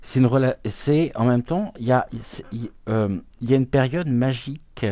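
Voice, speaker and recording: A man doing a live spiritual card reading, slow and halting with many pauses, sometimes talking aloud to an unseen guide as he draws cards. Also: mid-range voice, dark tone, dry recording. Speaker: tarot and oracle card reader.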